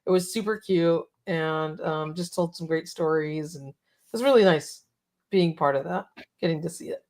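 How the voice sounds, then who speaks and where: A woman co-hosting a casual talk show, chatty and quick to laugh, her voice a little cracked. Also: deep voice, darkish tone. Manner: chatty, laughs often, reads out viewer comments. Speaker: podcast co-host. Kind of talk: casual chat.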